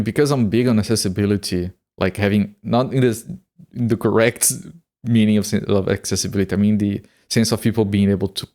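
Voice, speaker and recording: A warm, lowish male voice chats casually while live-streaming a game. He swears freely and stammers, repeating words as he starts his sentences.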